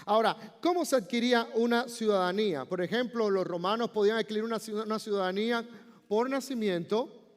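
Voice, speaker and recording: A male pastor preaching a sermon, building from calm explanation to emphatic, slowed outbursts. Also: high voice. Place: church sanctuary. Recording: long church reverb.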